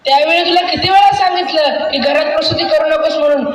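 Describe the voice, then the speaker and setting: A man's voice: very high-pitched, fast talker, slight background noise. A performer playing a stern village husband who scolds his wife. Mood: scolding. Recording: echoey room, distant mic.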